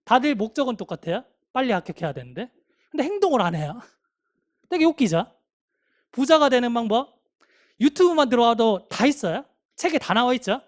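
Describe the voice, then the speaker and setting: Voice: mid-range voice, sing-song, a little fast, pauses often. An English grammar teacher in the middle of a classroom lecture, drifting into a motivational aside. The delivery is chatty and emphatic. Rhetorical questions keep nudging the students along. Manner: acts out quoted speech of students.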